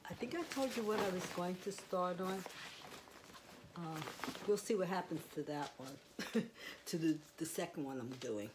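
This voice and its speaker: Woman, low voice, rambling casual chat, quiet home, clip-on mic, faint hiss. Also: moderate pace, pauses often. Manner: rambling, chatty, with fillers and small laughs. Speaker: crochet vlogger. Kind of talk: casual show-and-tell.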